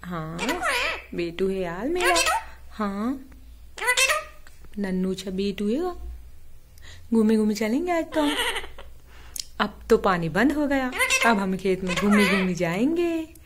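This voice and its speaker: A woman's voice: medium pitch, lively intonation, slow pace, pauses often, heavy background noise. A woman talking casual baby talk to her pet parrot, coaxing and sing-song, laughing often, filmed on a phone at home. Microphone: phone camera.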